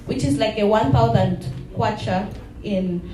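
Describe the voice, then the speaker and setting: A woman from Zambia giving a soft-spoken, hesitant personal testimony at an event. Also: mid-range voice, measured pace, a little hiss or hum. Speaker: guest speaker. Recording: roomy sound from a distant mic.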